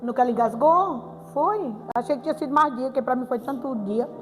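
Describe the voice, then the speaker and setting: A woman's voice: sits high, brisk, music in the background. Older woman testifying in church. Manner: emotional, repeats phrases, voice rising in pleading prayer. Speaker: church speaker giving a testimony. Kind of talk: emotional testimony in a church service. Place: church hall with music behind. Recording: long reverb of a church hall.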